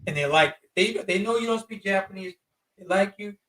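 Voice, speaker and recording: High-voiced man telling casual stories. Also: fairly quick, far from the mic, rough recording. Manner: animated, slangy, emphatic. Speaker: interview guest, traveler. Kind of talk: casual storytelling.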